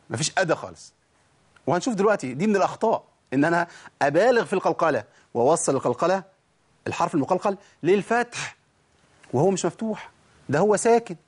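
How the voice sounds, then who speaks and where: A man's voice: on the high side, husky. A man with an Egyptian accent teaching Quran recitation rules, asking questions and answering them himself. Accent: Egyptian Arabic. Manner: explains rules, asks and answers his own questions. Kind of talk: tajweed lesson.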